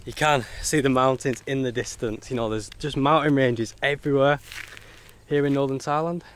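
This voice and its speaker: A man's voice: medium pitch, steady tone, normal speed. A man chatting casually to camera as a travel vlogger, colloquial and matey, with mild swearing. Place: outdoors on rural roads and temple grounds. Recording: outdoor ambient and motorbike noise.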